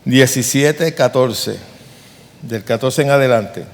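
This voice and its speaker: Emphatic preacher in a reverberant hall. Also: male voice, medium pitch, slow. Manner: earnest, emphatic preaching with rhetorical questions. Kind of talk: sermon.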